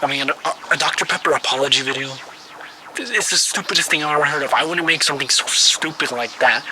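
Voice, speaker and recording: A man speaking earnestly and insistently to camera in a casual, rambling way. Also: medium pitch. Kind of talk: casual confessional vlog talk. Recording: noisy ambience behind.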